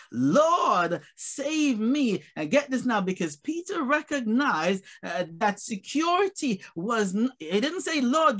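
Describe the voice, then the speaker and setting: A male pastor preaching a sermon, hesitating often with repeated words and building to shouted emphasis on key phrases. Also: high-pitched. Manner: repeats a refrain over and over.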